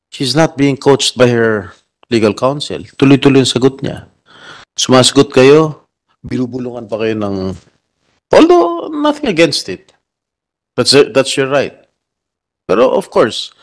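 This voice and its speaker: A man questioning witnesses at a Senate hearing, stern and warning, rising to shouted scolding. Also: medium pitch. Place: hearing room.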